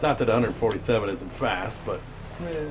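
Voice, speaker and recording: A man chatting casually on a live stream, telling stories in a lively way and acting out what others said. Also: lowish voice, normal speed. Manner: storytelling, animated when quoting others. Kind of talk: casual chat. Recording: noticeable background noise.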